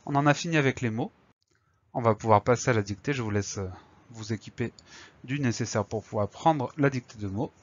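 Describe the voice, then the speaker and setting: A man's voice: mid-range voice, a little fast, dull audio. A man teaching a spelling lesson, spelling words out letter by letter and explaining each one patiently before a dictation.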